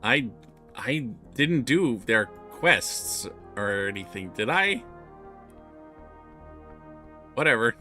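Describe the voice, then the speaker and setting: A man streaming a story game, reading its text aloud with lively swings in pitch and pace. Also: slow pace, faint music behind.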